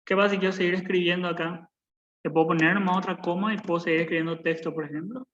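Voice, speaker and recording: A high-voiced young programming instructor, in his twenties, teaches a live online coding lesson at a quick pace with fairly even intonation and a bit of brightness. The video-call audio has its highs cut off and slight background noise. He patiently repeats points, checking in with "¿verdad?".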